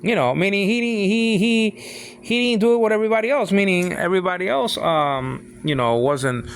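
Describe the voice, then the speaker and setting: A man of sixty giving an informal talk on faith, halting and repeating himself, often asking if the listener follows. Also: high voice, clear, resonant tone. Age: 60s. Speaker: father speaking on faith.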